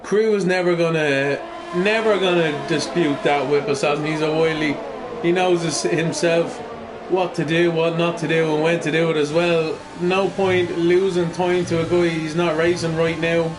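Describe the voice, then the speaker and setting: A man giving casual, chatty live motorsport commentary as a racing commentator, excitable and full of colloquial banter. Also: fairly high pitch, moderate pace, noisy background.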